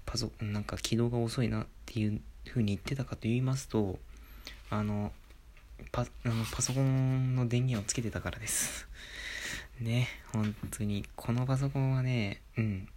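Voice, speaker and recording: A young man hosting his own talk show, speaking quietly at home into a phone mic in a relaxed, chatty way. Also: a little hiss or hum. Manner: hushed, low-volume talk with soft laughs and filler. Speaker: podcast host. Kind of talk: casual solo talk. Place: inside his home, alone. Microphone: phone microphone.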